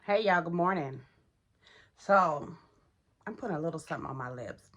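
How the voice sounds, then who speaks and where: A woman's voice: on the low side, expressive, normal speed, fairly bright tone, highs cut off. A middle-aged woman vlogging casually while getting ready, chatty and talking to viewers as y'all, in a groggy morning voice. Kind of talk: casual get-ready-with-me vlog.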